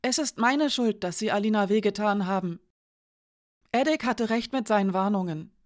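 A woman's voice: medium pitch, normal speed, pitched above the performer's own voice, lightly acted. A woman reading an audiobook, voicing a young woman full of guilt who pleads through tears. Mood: tearful. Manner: pleading, emotional.

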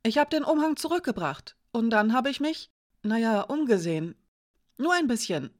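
A woman voicing a touchy, sharp-tongued young girl in a storybook, speaking high, loud and quick. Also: lively intonation, natural voice. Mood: rambling. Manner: high, loud and indignant, rushing.

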